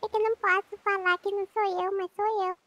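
A performer voicing a cheeky, chatty two-year-old boy in game role-play, babbling and repeating himself in a squeaky childish voice. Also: little pitch movement, fast talker, fairly bright tone. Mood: curious.

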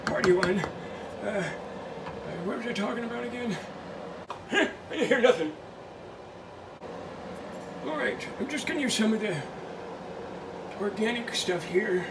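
A man's voice: high-pitched, distant mic, noisy background. A middle-aged man playing a silly, distracted old grandpa who cooks in his home kitchen and keeps stumbling over his words. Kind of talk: comedic cooking vlog. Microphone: handheld phone camera.

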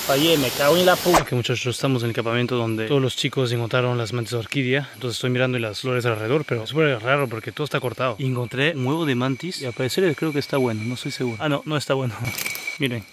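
A man filming a wildlife vlog at night in the jungle, talking excitedly and swearing constantly as he finds animals. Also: medium pitch, fast talker. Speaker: wildlife explorer vlogger. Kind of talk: handheld outdoor vlog narration. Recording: loud insect noise outdoors. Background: insects and frogs chirping.

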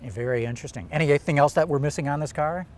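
A man's voice: a little high, fast, slight background noise. An older man hosting an outdoor on-camera interview, asking questions in a conversational way. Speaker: host. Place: outdoors beside a car. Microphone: lapel.

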